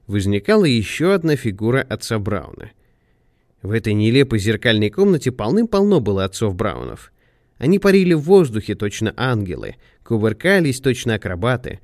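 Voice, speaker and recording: A man reading a detective story aloud in measured, expressive narration. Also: mid-range voice, dry recording, studio quality. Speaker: audiobook narrator. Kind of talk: scripted narration.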